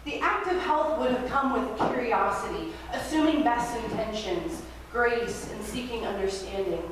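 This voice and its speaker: A woman's voice: on the high side, normal speed. Woman pastor preaching at a pulpit microphone in a very echoey church. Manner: gentle, reflective, invites listeners to practice. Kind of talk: sermon. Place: church sanctuary. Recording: very echoey church hall, distant mic, faint hiss.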